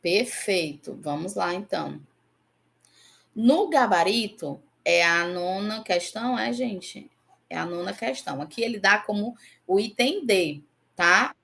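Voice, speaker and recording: A woman's voice: mid-range voice, lively intonation, vocal fry, a bit bright. A woman teaching a Portuguese grammar class online, going over exam answers and often checking in with her students. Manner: repeats example words slowly.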